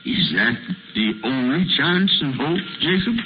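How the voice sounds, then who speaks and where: An actor playing a frightened, querulous old miser in 1930s radio drama style, with halting, pleading speech. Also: male voice, medium pitch, expressive, slight background noise, lightly acted. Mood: nervous, wheedling. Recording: old, tinny 1939 radio broadcast.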